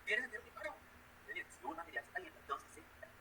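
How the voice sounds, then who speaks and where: A man lectures on logic, quizzing his students with everyday examples. His voice sits high and sounds very bright. He talks fast, with a faint hiss of noise behind him. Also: very animated, rough recording. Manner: explains step by step with everyday examples and questions. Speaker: math teacher. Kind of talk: classroom lecture.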